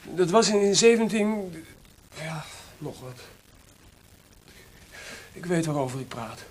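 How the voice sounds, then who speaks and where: In a Dutch radio drama, a male actor plays a drunken composer who is bitter, boastful and maudlin. His fairly high voice has lively intonation and moves slowly, and his delivery is theatrical, volatile and rambling.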